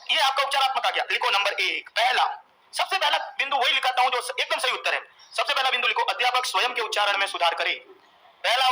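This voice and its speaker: A male coaching teacher lecturing a class. He dictates points, repeats them slowly for note-taking and quizzes the students. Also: extremely high pitch, pushed and bright, low-quality recording.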